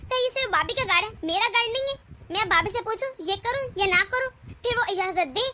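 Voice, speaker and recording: Animated cartoon: a sharp-tongued young wife, very high and bright, defiant and scolding, played by a woman. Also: brisk, slight background noise, full character voice. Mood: indignant. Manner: indignant, scolding.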